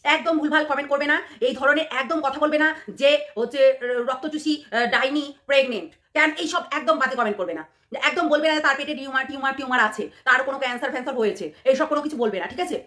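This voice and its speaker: A woman scolds and taunts her viewers in a fast, repetitive vlog rant. Her voice is high and sharp-edged, and she speaks at a rapid clip. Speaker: vlogger. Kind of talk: angry rant to camera.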